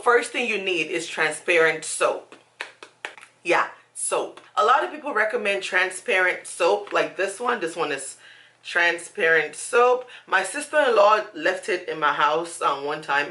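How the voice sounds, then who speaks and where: Young lady doing a chatty beauty vlog, bright punchy voice, repeats stuff for emphasis. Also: deep voice. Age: young adult. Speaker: beauty vlogger. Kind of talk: casual chatty tutorial to camera. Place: small indoor room at home.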